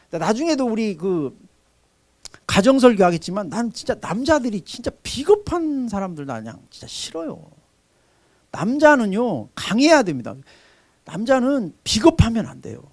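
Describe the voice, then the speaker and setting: A middle-aged man preaches a sermon in a high, very animated voice. He pushes up into loud, emphatic exhortation, then drops into quiet, almost muttered asides. The sound is close and dry, with no room echo. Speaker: pastor.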